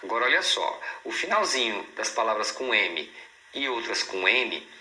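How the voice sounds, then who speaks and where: A man who is a native Portuguese speaker gives a casual English pronunciation lesson, talking in a friendly, patient way and repeating example words slowly. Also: fairly low pitch, sing-song, sharp tone, roomy sound, low-quality recording. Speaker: English teacher.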